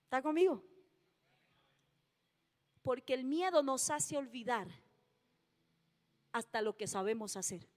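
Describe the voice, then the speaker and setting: Slow and expressive, a woman preaches with frequent pauses in a very high voice that has a darkish tone. She repeats key phrases emphatically and puts questions to the congregation, her words lingering in a long church-hall reverb.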